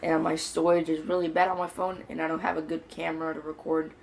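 A man's voice: a little high, flat delivery, fast talker, creaky, a little hiss or hum. A teenage boy vlogging casually into his phone, telling a story in rambling slang full of "like". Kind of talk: casual story time vlog. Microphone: phone mic.

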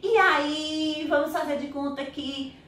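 A middle-aged woman, teaching a recorded class for children in an animated way and acting out story voices. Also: takes it slowly. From Brazil. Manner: animated, acts out story voices with sweeping pitch. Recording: very echoey room, voice from far off mic.

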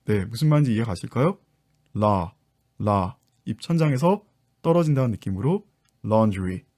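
A man's voice: on the low side, expressive, moderate pace, darkish tone. A man teaching an online English lesson, patiently explaining step by step to his viewers. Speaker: English teacher and book author.

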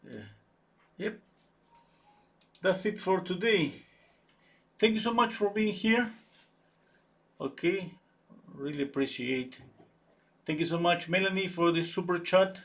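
A man's voice: high-pitched, takes it slowly, pauses often, fairly bright tone. A man hosting a live oil-painting stream. He thinks aloud while he paints, answers viewers' chat, and often restarts his sentences. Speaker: painting livestream host.

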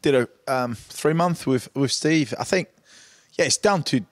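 A man's voice: medium pitch, a little slow, dry recording, clean studio sound. A man from France, a former player as a podcast guest, speaking hesitantly with fillers.

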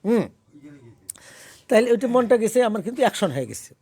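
A man's voice: high-pitched, lively intonation, darkish tone, no room sound. A man who teaches a small group about prayer and mantra practice, asking them questions as he goes. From Bangladesh. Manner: explains by asking questions, then chants slowly. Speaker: religious teacher.

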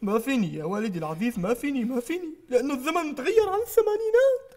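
A man's voice: expressive, rapid-fire, darkish tone. A man doing a whiny spoiled puppet dictator. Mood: meek, whiny. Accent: Syrian Arabic. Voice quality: high falsetto, sobbing and whimpering. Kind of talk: puppet satire acting.

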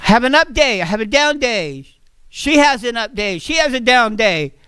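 A man's voice: extremely high pitch, animated, normal speed, pushed and bright, clear, resonant tone, no echo. A man preaching a sermon at a church fellowship, earnest and repeating phrases as he goes.

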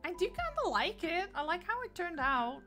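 A woman's voice: very high voice, big pitch swings, moderate pace, sharp tone, faint music behind. A woman with a Dutch accent chatting casually on a gaming livestream, giggling often and greeting viewers by name.

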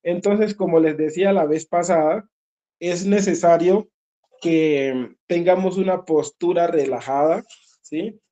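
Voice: medium pitch, a little slow, warm tone. A singing teacher leading a group voice lesson, explaining patiently, repeating key points and checking in with the listeners.

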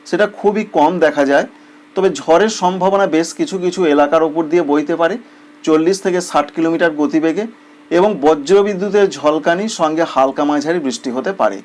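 Presenting a semi-scripted weather report, the man speaks in a slightly high, somewhat mellow voice, explaining with emphasis and saying phrases again for clarity.

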